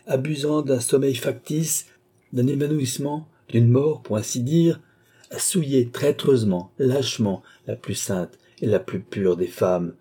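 A man's voice: mid-range voice, dark tone, breathy edge, pitched above the performer's own voice, lightly acted. A man voicing a proud, vengeful young nobleman in a novel reading, speaking with vehement indignation. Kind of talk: audiobook character voice.

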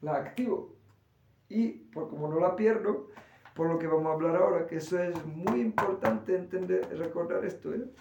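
A man from giving an animated spiritual class in a temple hall, acting out voices as he speaks. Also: high-pitched, vocal fry, a little hiss or hum. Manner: animated, acts out voices, quick asides. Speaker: spiritual teacher. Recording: echoey room, voice far from the mic.

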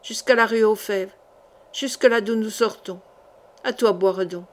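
A woman's voice: medium pitch, normal speed, natural voice. A woman reading aloud, voicing a scheming queen who gives curt commands in an audiobook. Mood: conspiratorial. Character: scheming cold queen giving orders.

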